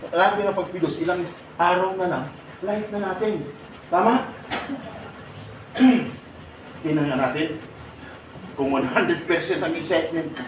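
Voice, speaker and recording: A man giving a lively seminar talk to departing workers, fast-talking and joking, often laughing. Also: high voice. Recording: echoey noisy hall from far off. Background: loud room noise.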